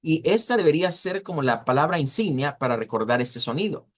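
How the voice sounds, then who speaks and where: A man's voice: fairly high pitch, expressive. Man teaching pronunciation, repeating words. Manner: explanatory, repeats words slowly to model sounds. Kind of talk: online class lecture.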